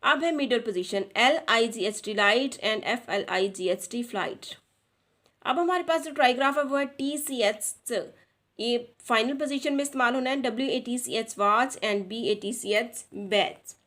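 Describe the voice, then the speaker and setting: High-voiced Pakistani woman teaching children. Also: fairly bright tone. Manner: reads English slowly, then explains in Urdu; addresses children directly. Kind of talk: reading a schoolbook lesson aloud.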